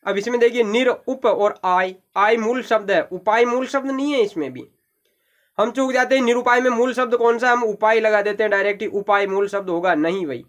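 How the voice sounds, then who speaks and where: A man's voice: sits high, fairly even intonation, moderate pace, a bit bright. A man teaching Hindi grammar for exam preparation, patiently breaking down each example word step by step and addressing viewers directly. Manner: addresses viewers with "देखिए" and "भाई". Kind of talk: explanatory exam-prep lesson.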